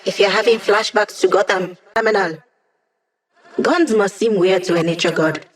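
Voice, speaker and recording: A woman's voice: medium pitch, normal speed, natural voice. An actress playing a young digital hacker woman in a video game, wry and playful, with casual, teasing tech-geek banter. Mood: breezy. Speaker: hacker support character guiding a squad. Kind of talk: video game character voice lines.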